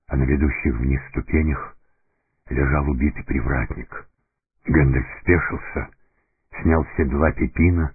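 A male narrator with a very deep, heavily husky voice tells the story in a deliberate, dramatic way. The recording is dry and squeezed into a narrow, phone-like band, with faint music running underneath. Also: no echo. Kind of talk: scripted audiobook narration.

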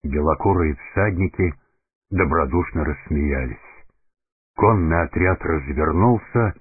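A man narrating an audiobook fairy tale in a measured storytelling manner. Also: rumbling low, husky, dry recording. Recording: tinny narrow-band recording, faint music.

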